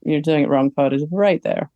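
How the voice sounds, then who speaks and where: Mellow-voiced woman, hesitant and halting. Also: low-pitched, no room sound, muffled recording. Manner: hesitant, halting, searching for words. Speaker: therapy client. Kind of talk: live therapy session. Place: home.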